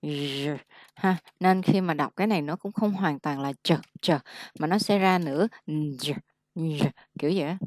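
A young woman tutoring English pronunciation one-on-one, correcting patiently and modelling words slowly. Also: low-pitched, dry recording, studio quality.

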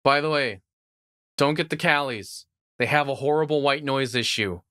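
Bright, crisp-voiced opinionated man. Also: medium pitch, normal speed, no echo, clean studio sound. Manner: opinionated, rambling about audio gear. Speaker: podcast co-host. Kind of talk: casual podcast chat.

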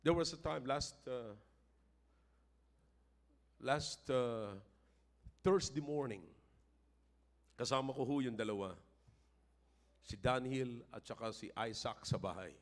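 An older man with a Filipino accent, a pastor giving a sermon that moves between emphatic, raised-voice appeals and relaxed personal storytelling. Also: mid-range voice, slow pace, long pauses.

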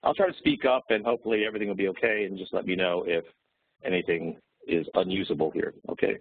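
Male presenter dialed in by phone; husky, phone-band sound, walks through the material plainly. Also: sits low, fast, no room sound. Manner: explanatory, steady lecturing. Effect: heard over a phone line. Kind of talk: webinar presentation. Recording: tinny dry phone line.

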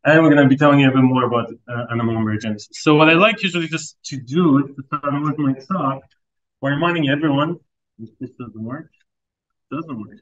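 The audio is dull as a medium-pitched man, a research group leader in his thirties from Palestine, talks through an academic seminar for students and postdocs. He speaks loosely in a lecture room, conversational and often restarting or using fillers.

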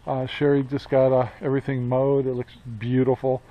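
A man's voice: mid-range voice, flat delivery, normal speed, no room sound, muffled recording. Older man rambling to a handheld camera. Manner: rambling, many fillers and restarts. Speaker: homestead vlogger. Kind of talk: casual chat to camera. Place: outdoors by a metal barn. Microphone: action camera at arm's length.

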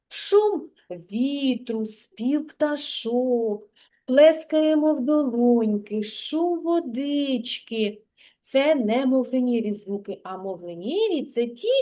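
A woman with a Ukrainian accent leads a lesson for small children. Her high voice swoops up and down in a sing-song way. She speaks slowly and coaxingly, drawing out each word. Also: mellow. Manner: sing-song, drawn-out and coaxing, reciting rhymes. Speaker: kindergarten teacher.

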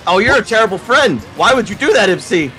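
A man's voice: high-pitched, sing-song, quick pace, low-quality recording. A flustered, self-mocking man chatting while playing a racing game. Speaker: gamer. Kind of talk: casual gaming chat.

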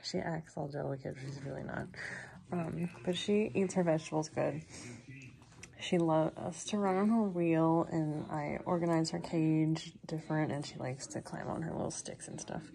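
A woman's voice: deep voice, steady tone, moderate pace, creaky, dark tone. A woman rehabbing opossums, chatting offhandedly as she cleans and feeds them and talking to the animals, indoors at home. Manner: chatty and offhand, talks to the animals, casual swearing. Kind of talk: casual vlog chat while caring for animals.

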